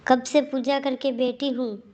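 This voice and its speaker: A dutiful young daughter-in-law answers politely and patiently, voiced by a woman narrator. Her voice sits fairly high and level, unhurried. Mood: calm. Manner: calm, polite.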